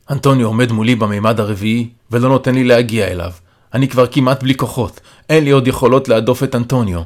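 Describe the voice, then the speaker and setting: A man narrating an audiobook in the first person with a calm, steady storytelling manner. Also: medium pitch. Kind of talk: first-person dramatic reading.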